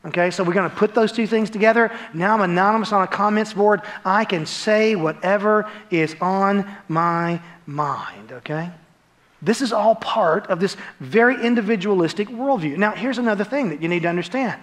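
This is a forties-aged American pastor preaching in a large dark church auditorium, standing on stage. His high, fairly bright voice has lively intonation and a moderate pace. He's conversational and emphatic, often ending points with short questions.

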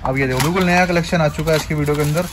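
A man's voice: fairly high pitch, fairly even intonation, racing. A man with a Delhi Hindi accent, a vlog host touring a gift shop who repeats and sums up each point for his viewers. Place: crowded gift shop, indoors. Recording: busy market crowd noise.

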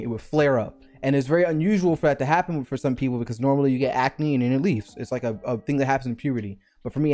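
A young man telling a personal story to camera in a casual, animated way, acting out the scenes and filling his speech with fillers. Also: mid-range voice. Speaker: vlogger.

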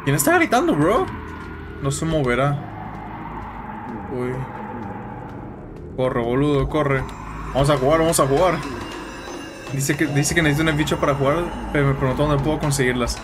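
A man giving jokey, slangy horror-game commentary and yelling when scared. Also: medium pitch, fairly even intonation, normal speed, long pauses, background noise. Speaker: gaming YouTuber. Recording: game music behind voice.

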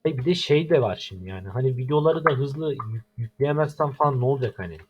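A man's voice: mid-range voice, lively intonation, fast, a little mellow, slightly rough, lo-fi sound. A young man from Turkey with a Turkish accent, commenting over his own game and complaining in exasperation. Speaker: gaming YouTuber. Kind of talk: gameplay commentary.

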